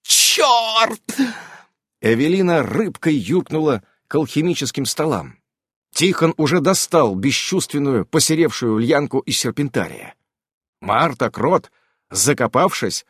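A man narrating a fantasy audiobook in a lively, dramatic storytelling manner. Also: a little high, husky, no echo, clean studio sound. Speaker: audiobook reader.

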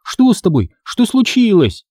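A shrill, bossy young girl from a spooky storybook, her voice pushed high and jumpy, as a man reads her lines. The tone is dark and husky, with a dry, close sound. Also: big pitch swings, unhurried, dry recording, full character voice. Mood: alarmed. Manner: shrill, agitated shouting. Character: frightened bossy young girl, quick to panic.

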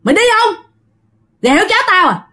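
A woman's voice: very high voice, very animated, moderate pace, pushed and bright, pitched above the performer's own voice, heavily acted. A woman voicing the ghost of a middle-aged ancestral woman who sharply scolds an intruder. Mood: scolding. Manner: harsh, scolding, protective. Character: scolding ancestral spirit, woman in her fifties.

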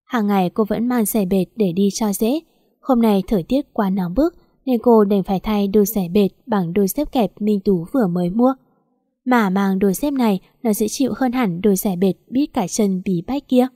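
A woman reads a serialized story in a smooth, steady way. Her tone is mellow and warm, at a medium pitch. The recording is close and dry. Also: dry recording. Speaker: narrator. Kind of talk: audiobook story reading.

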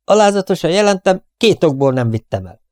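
A man's voice: high voice, big pitch swings, a little mellow, no room sound, clean studio sound, voice pushed up. A man voicing an earnest young soldier who answers every question dutifully and politely in an audiobook reading. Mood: dutiful, eager. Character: eager young male soldier, politely insistent.

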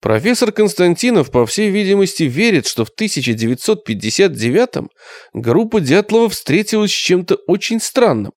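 A man reading an audiobook in the first person, his pitch rising and falling in lively turns. His delivery is measured and tense, and the recording is dry and close, with no room sound. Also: no echo. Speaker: audiobook narrator. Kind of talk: scripted first-person narration.

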